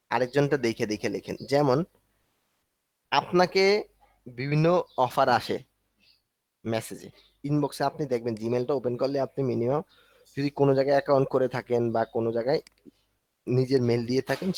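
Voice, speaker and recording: A man's voice: mid-range voice, no echo. Man teaching an online class. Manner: conversational, explaining step by step while showing a screen. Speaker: instructor.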